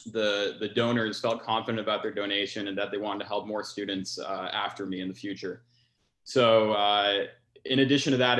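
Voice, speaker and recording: A man's voice: fairly low pitch, a bit bright, roomy sound. A young man in his twenties, a pilot, answering interview questions earnestly with many fillers. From France. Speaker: scholarship recipient, pilot.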